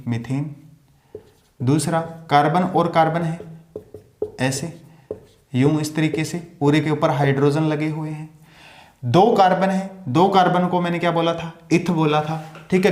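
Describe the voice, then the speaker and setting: A man's voice: fairly high pitch, darkish tone. A man teaching a science lesson, asking questions and answering them himself, counting aloud as he draws. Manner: counts aloud while drawing. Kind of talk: classroom lecture. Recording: echoey room.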